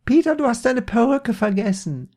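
A man voicing a shrill, fussy elderly mother in a comic spoken story, calling out high and loud. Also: sing-song, very slow, exaggerated voice.

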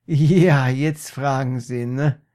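A man voicing a sly, nosy female investigator in a comic spoken story, speaking slightly higher than his own voice. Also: takes it slowly, mellow, natural voice. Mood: smug.

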